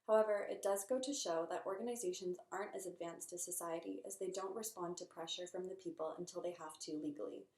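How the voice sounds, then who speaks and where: A woman's voice: lowish voice, fast, hardly any pauses. A young woman from Canada, a student earnestly reading her part of a group presentation. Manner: steady, earnest reading from a script. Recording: echoey room.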